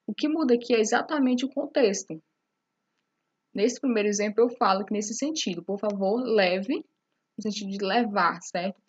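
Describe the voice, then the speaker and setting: A woman's voice: medium pitch, moderate pace, husky, highs cut off. A woman teacher explaining a lesson step by step, often checking in with her students. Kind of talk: recorded classroom lesson.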